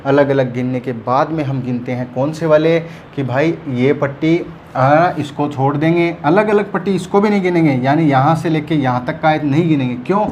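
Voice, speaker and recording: Male teacher, somewhat high voice, patient and repetitive, keeps checking in with the class, faint hiss behind. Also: moderate pace, a little mellow, dull audio. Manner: explains patiently, keeps checking students follow. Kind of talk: whiteboard math lesson.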